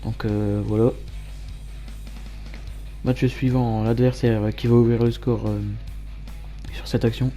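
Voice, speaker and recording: A man giving matter-of-fact play-by-play commentary as a gamer over his own match highlights. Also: level tone, slow pace, long pauses, dark tone, soft background music. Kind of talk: gameplay commentary.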